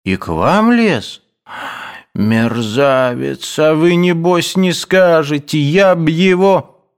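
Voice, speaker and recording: Guy doing a whiny lovesick servant, voice way up high, begging. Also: animated, slow, clean tone. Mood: pleading. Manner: whining, imploring. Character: pleading lovesick male manservant.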